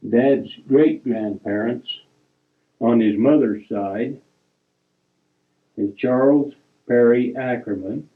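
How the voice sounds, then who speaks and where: An older man slowly reminiscing over old family photos, reading out names and dates in halting fragments and correcting himself as he goes. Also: mid-range voice. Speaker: family storyteller. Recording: tinny, phone-like recording.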